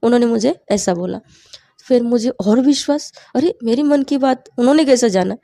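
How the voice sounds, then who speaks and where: Earnest woman with a creaky voice. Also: a little high, normal speed, dark tone, no echo, studio quality. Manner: earnest storytelling, often quoting her own prayers. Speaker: testimony speaker.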